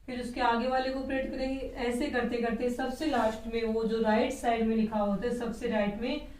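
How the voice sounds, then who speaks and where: A woman's voice: fairly high pitch, level tone, normal speed, a little mellow. A woman chemistry teacher giving a classroom lecture, explaining step by step and asking rhetorical questions. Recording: echoey room, voice from a distance.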